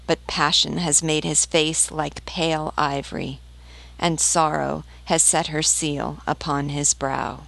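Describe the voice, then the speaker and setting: A woman reading a fairy tale aloud in a calm, measured way. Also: low-pitched, vocal fry, dry recording. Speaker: storyteller. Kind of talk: storybook read-aloud.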